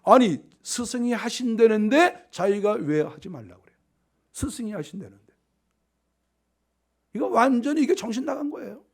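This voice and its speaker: Lively, high-voiced preaching man. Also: normal speed, long pauses, husky. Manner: animated, acting out scenes and scolding the listeners. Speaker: pastor. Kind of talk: sermon.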